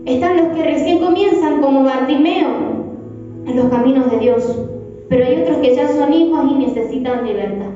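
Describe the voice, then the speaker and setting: A woman pastor, preaching a sermon with fervent, drawn-out emphasis. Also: sits high, over music. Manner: preaching with rising fervor, drawn-out emphatic phrases. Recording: echoey hall from far off, dull sound.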